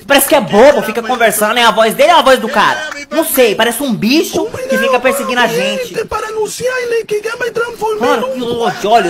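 A woman hosting a reaction video, excitedly yelling warnings and advice at what she watches. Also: sits high. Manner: excitable, yells advice at the screen. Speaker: reaction channel host.

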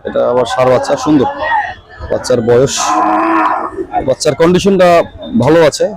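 Chatty market vlogger, slightly high voice. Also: male voice, background noise. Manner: chatty, addresses viewers directly, haggles over prices. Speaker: vlogger touring a cattle market. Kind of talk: walking market vlog, asking sellers prices. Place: outdoor rainy muddy cattle market. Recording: outdoor market crowd behind. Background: crowd chatter and rain.

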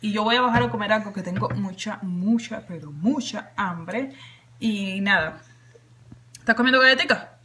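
A woman's voice: mid-range voice, moderate pace, slight background noise. A young woman chatting casually to camera in a vlog, filmed on a phone held close in a small room at home. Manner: chatty, animated, talks to a small child. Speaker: vlogger. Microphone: phone camera close to her face.

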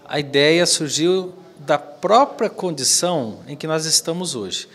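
A man in his forties answers interview questions in a measured, explanatory way, pitched a little high. He talks into a handheld mic in an indoor office setting. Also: animated, fairly bright tone. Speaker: physiotherapy professor. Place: indoor office corner by a plant.

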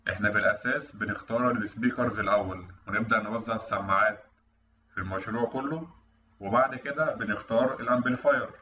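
The tutorial comes from a man with an Egyptian accent whose fairly low voice is bright and forceful, guiding viewers step by step through technical material on a screen recording. Sound is roomy and dull, captured by a distant mic with faint noise.

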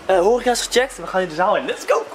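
An excited young man chatting casually for a vlog, often repeating his words, recorded on a handheld camera. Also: sits high, rapid-fire. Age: young adult. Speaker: vlogger playing seeker in hide and seek. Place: large dark indoor trampoline park. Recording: noisy handheld camera audio, clicks.

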